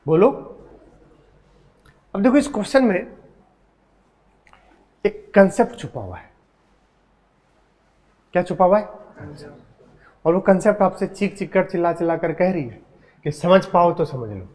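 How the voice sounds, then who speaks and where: A man's voice: sits high, animated, unhurried, pauses often, darkish tone. A man teaching a physics class, who teases his students and keeps asking them questions. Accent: Hindi. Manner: teasing, asks the class questions. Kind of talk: classroom lecture.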